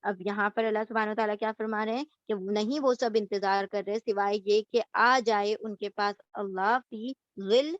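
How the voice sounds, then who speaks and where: A woman's voice: mid-range voice, fairly even intonation, hardly any pauses, no echo, muffled recording. A woman giving a Quran lesson word by word, repeating each gloss and asking questions as she explains.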